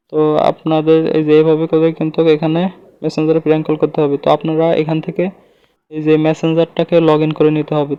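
Here a man with a slightly high voice and a clean, somewhat dark tone guides viewers through an informal tutorial. He points things out one step at a time, filling gaps with recurring stock phrases. The close, lo-fi recording sounds a bit dull.

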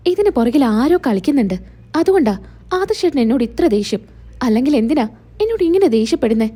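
A woman voicing a worried young wife who pleads anxiously, in a lively, mellow voice. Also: high voice, fast, husky, full character voice.

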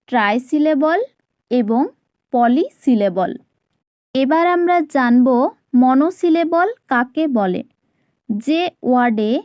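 A woman teaching a grammar lesson to her channel, explaining carefully and repeating each example word slowly. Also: sits high, a little mellow, no room sound.

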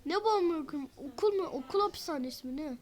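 A woman's voice: high-pitched, lively intonation, fast talker. A woman telling a Minecraft role-play story as a prisoner, talking casually with cursing and complaints. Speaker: storyteller and player.

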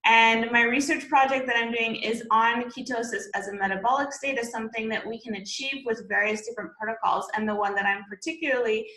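A young woman from Canada tells her story as a podcast guest, fluent and eager. Her voice is bright and forward. The video call picks up a lot of room echo around her. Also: fairly high pitch, steady tone, a little fast, few pauses. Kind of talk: casual interview talk. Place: home room with shelves.

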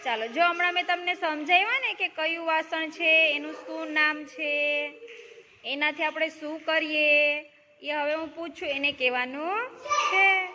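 High-voiced teacher coaxing small children. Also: female voice, a little slow, pushed and bright. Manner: coaxing, repeats questions, praises answers. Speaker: preschool teacher. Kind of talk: classroom questioning of small children. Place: village preschool classroom. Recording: noisy classroom recording.

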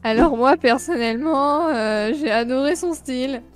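A woman playing a pretentious, over-admiring female fashion judge, halting and effusive, in a comedy role-play. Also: sits high, faint music behind, lightly acted. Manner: halting, effusive, repetitive praise.

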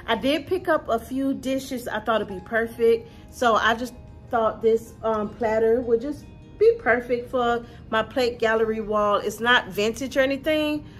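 A woman, chatting casually to camera about her thrift finds from her living room and calling her viewers y'all. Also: a little high. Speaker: thrift haul vlogger. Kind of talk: casual haul vlog to camera.

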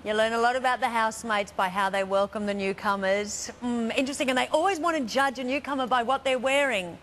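A woman's voice: on the high side, quick pace, fairly bright tone, slight background noise. A woman with an Australian accent, narrating a reality TV show as host in a chatty, wry way. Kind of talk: scripted TV narration.

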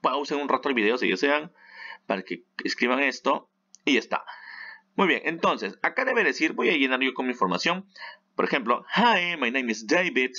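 A man's voice: medium pitch, big pitch swings, moderate pace, bright, forceful tone, lo-fi sound. A man, teaching an online English lesson in a chatty way that keeps checking in with the listener. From Peru. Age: 30s.

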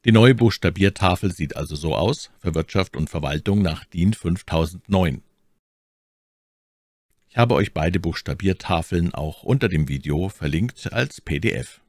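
A man's voice: deep voice, lively intonation, normal speed, a little mellow, no room sound, studio quality. A man giving an instructional voice-over as a language teacher, speaking directly to learners.

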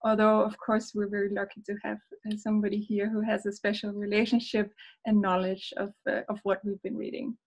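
Woman from Denmark, 30s, reading group host; narrow pitch, friendly and measured. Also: level tone. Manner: friendly, measured, with frequent ums and self-corrections. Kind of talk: welcoming introduction on a video call. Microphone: laptop mic on a video call.

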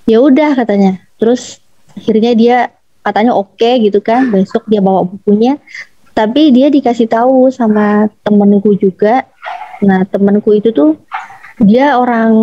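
A woman's voice: mid-range voice, mellow, no room sound, highs cut off. A woman guest telling her own story in a casual, chatty way, often laughing and acting out what others said.

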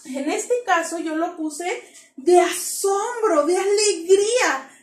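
A woman with a very high voice teaches a grammar lesson to young children. She talks in a lively, coaxing way and keeps asking the class questions. The sound is echoey, as if she is in a bare room. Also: slow pace.

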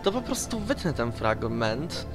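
A man giving casual, excitable commentary while playing a horror game, swearing and yelping when scared. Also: medium pitch, a little slow, music in the background. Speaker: let's play host.

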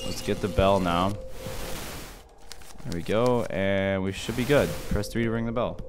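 A man's voice: low voice, unhurried, music in the background. A young man giving scared, jumpy horror game commentary as a streamer, exclaiming and muttering to himself. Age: young adult. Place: small indoor room.

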